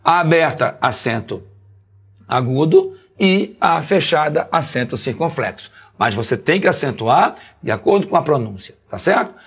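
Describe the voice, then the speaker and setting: Husky Brazilian man teaching grammar. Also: a little high, big pitch swings. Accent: Brazilian Portuguese. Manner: didactic, keeps asking "tá certo?"; sing-song, stresses syllables slowly. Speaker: Portuguese teacher. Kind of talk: video grammar lesson.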